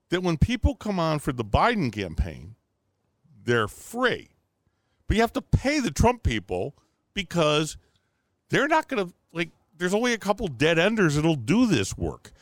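A man's voice: a little high, no echo. A man co-hosting a casual talk podcast, speaking emphatically and swearing casually. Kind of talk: casual political and media chat.

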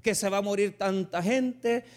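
High-voiced pastor preaching. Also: male voice, measured pace, slight background noise. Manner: conversational preaching with humor and rhetorical questions. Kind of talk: sermon. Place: church service.

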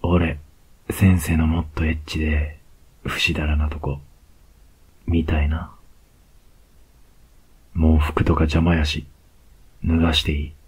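A man with a Kansai accent playing a cocky young male student who teases his teacher, in a whispered role-play with a slow, close murmur. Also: very deep voice, level tone, breathy edge, full character voice. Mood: teasing. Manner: slow, close, teasing murmur with soft laughs.

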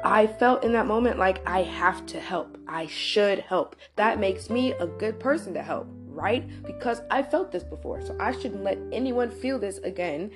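A young adult woman hosting, telling a personal story in a casual, emphatic way and speaking straight to her listeners. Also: mid-range voice. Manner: animated, emphatic, addresses listeners directly, swears. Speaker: host.

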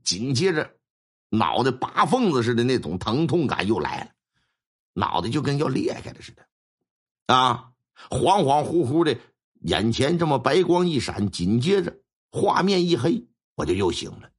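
Guy telling a ghost story, husky, pitch jumps all over, casual and lively. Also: moderate pace. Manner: animated, colloquial, with sound-effect words. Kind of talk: spoken ghost story narration.

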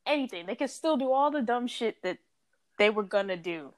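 A woman co-hosting a casual podcast, blunt and profane in fast banter. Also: on the high side, expressive. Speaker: podcast co-host.

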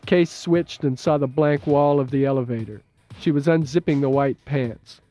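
A man narrating an audiobook in a measured, steady, low-key way. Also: faint music behind. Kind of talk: scripted narration.

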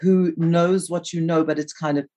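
A woman's voice: fairly low pitch, normal speed, dull audio. A woman author talking about her novel in an interview and reading from it expressively. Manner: expressive, restarts often when explaining.

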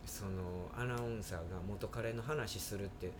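A man with a Kansai accent co-hosting a casual podcast, relaxed, with frequent short nods and storytelling asides. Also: fairly low pitch, normal speed, background noise. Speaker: podcast co-host.

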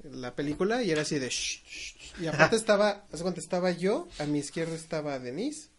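A young adult man with a Mexican accent, chatting casually and telling lively anecdotes with imitated voices. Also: on the high side, quick pace, slight background noise. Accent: Mexican Spanish. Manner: animated storyteller, mimics voices in anecdotes. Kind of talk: casual podcast chat.

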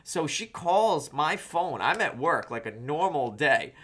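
A man's voice: fairly high pitch, sing-song, measured pace, fairly bright tone. A man in his forties telling a wild story in casual, profane chat, laughing often and putting on voices for the people he quotes. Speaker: podcast guest.

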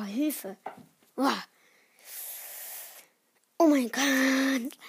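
A woman's voice: fairly high pitch, dry recording. A teenage girl hosting her own podcast in casual solo chat, rambling and often restarting her sentences. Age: teens. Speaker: podcast host.

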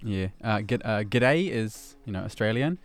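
A man's voice: lowish voice, normal speed. A man from New Zealand with a New Zealand accent, chatting casually and teasing his co-host. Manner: relaxed, joking, teasing. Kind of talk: casual chat.

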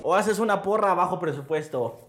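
Lively teasing Mexican man. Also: high-pitched, a little fast. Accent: Mexican Spanish. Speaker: podcast co-host. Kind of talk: casual drinking-game banter. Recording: echoey room with faint noise.

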